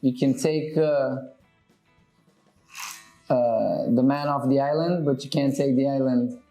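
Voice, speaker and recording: A man's voice: mid-range voice, fairly even intonation, slow pace, warm tone, reverberant, soft background music, poor audio. A man hosting a podcast as a barber, chatting casually with a client while cutting his hair, loose and full of fillers. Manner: loose, laid-back, heavy on fillers and swearing.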